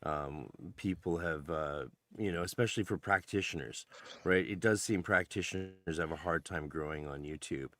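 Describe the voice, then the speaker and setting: A man co-hosting a casual podcast roundtable who speaks hesitantly, with many fillers and restarts and a gentle humor. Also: low-pitched, moderate pace. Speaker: podcast co-host.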